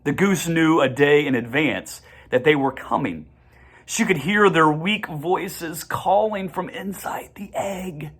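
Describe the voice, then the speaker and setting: Someone with a husky, medium-pitched voice narrates a children's picture book, speaking in slow, deliberate phrases and tripping over a word now and then.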